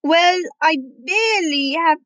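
A woman's voice: very high voice, unhurried, a bit bright, no room sound, voice pushed up. A woman voicing a shy, polite young female winged-wolf princess. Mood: sheepish. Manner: polite, sheepish.

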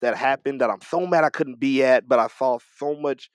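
A man's voice: mid-range voice, moderate pace, dry recording. A man co-hosting a podcast in casual chat, talking animatedly with frequent stumbles, restarts and repeated words. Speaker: podcast co-host. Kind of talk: casual wrestling talk.

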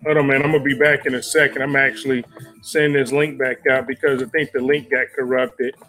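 Bright-voiced man hosting a live stream. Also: mid-range voice, little pitch movement, fairly quick. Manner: greets viewers by name, laid-back slang. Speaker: host of a live stream show. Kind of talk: casual live stream chat. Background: jazz music playing softly.

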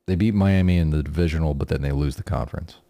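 A man's voice: a bass voice, fast, mellow, no echo. A man co-hosting a casual sports podcast, talking in a laid-back, profane way. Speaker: podcast co-host.

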